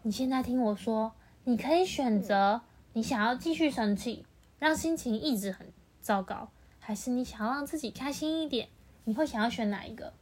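Fairly high-voiced woman reading to a child. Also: moderate pace. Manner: patient, explains and asks the child questions. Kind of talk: reading a picture book aloud to a child.

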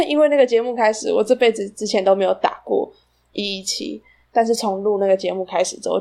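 A woman's voice: mid-range voice, darkish tone. Female podcast host, Taiwanese Mandarin accent, casual rambling delivery, slightly unclear diction from dental braces. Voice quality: slightly slurred articulation from wearing braces.

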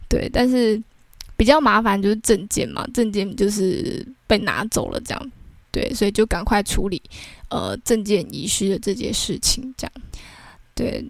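A woman's voice: mid-range voice, expressive, normal speed, creaky, no room sound. A young woman with a Taiwanese Mandarin accent, hosting a podcast and telling a personal story in a chatty way, tagging her sentences with filler words. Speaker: podcast host.

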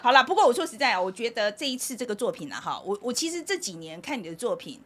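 Bright, chatty woman host. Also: a little high, very animated, fast. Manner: laughs often, chatty. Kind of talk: casual chat.

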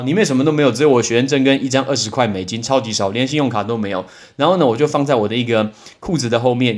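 A man teaching English words on a casual podcast, telling stories with energy and repeating each word slowly for practice. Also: medium pitch. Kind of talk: casual podcast vocabulary lesson.

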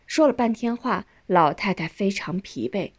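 A woman narrating a family story in measured audiobook style. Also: mid-range voice, expressive.

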